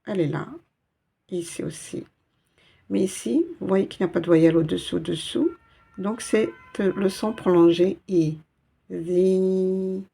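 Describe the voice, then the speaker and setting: A woman's voice: on the low side, vocal fry, dark tone, husky. A woman teaching a step-by-step Arabic reading lesson in French, patient and explaining each letter and sound.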